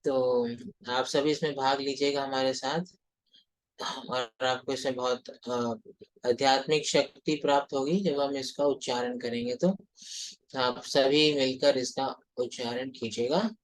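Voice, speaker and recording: A scripture teacher who chants Sanskrit verses in a slow, measured devotional style and briefly explains the chapter between verses. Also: mid-range voice, steady tone, low-quality recording. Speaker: scripture teacher leading recitation.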